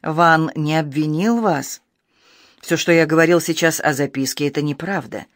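A man playing a shrewd male magistrate who questions in a cool, measured way. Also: on the high side, a bit bright, no echo, clean studio sound, close to an everyday voice. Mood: cold. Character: shrewd male magistrate, calm, cold and probing.

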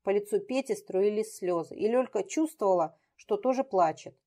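A woman narrates a novel at a steady, even pace. Her reading voice sits in an ordinary middle pitch. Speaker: audiobook narrator. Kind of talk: audiobook narration.

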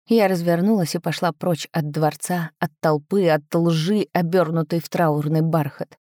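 A woman narrating a first-person audiobook story expressively, with her pitch swinging up on lively moments. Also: normal speed, no echo, clean studio sound.

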